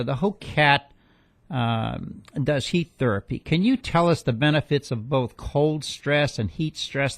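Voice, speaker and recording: A man's voice: medium pitch, no room sound. A man hosting a radio health talk show, reading the intro and sponsor spots, then asking his guest questions with some hesitant fillers.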